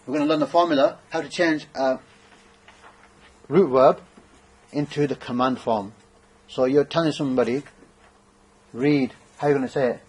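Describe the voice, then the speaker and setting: A man's voice: mid-range voice, fairly even intonation, moderate pace, long pauses, a little mellow, breathy edge, rough recording. A man teaching an Arabic grammar class, thinking aloud and checking in with his students. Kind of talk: classroom lesson.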